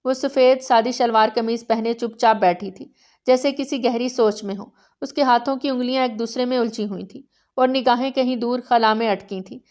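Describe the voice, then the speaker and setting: Female narrator for a novel reading, steady and dramatic, slightly high voice. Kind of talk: reading a romance novel aloud.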